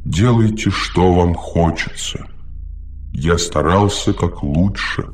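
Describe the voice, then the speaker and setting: Man voicing a fussy, deep-voiced caretaker machine. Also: takes it slowly, darkish tone, slight background noise. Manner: solicitous, lecturing, talks too much. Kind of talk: audiobook reading.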